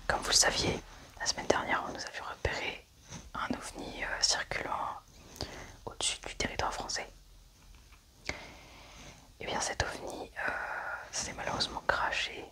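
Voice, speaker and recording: An ASMR roleplay performer whispers throughout, using a hushed, breath-only voice. The soft, unhurried delivery acts out a scene that feels scripted.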